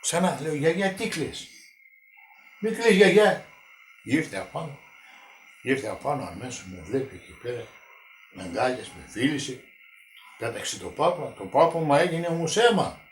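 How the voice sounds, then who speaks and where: A man, telling his wartime memories in a halting, repetitive way during an oral history interview at home. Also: mid-range voice, very animated. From Greece. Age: 90s. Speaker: witness interviewee. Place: village home indoors. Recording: echoey room with faint noise.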